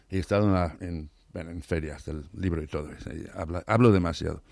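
Hoarse, deep-voiced man with a gravelly tone. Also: darkish tone, dry recording, clean studio sound. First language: not Spanish. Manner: enthusiastic, restarts words, many repetitions. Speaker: interview guest, literary scholar. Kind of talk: thoughtful conversational interview.

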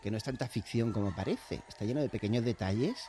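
A man's voice: on the low side, quick pace, slight background noise. A man, a novelist guest on a radio show, talking in a chatty, reflective way and laughing easily. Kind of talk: radio interview. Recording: soft music playing underneath.

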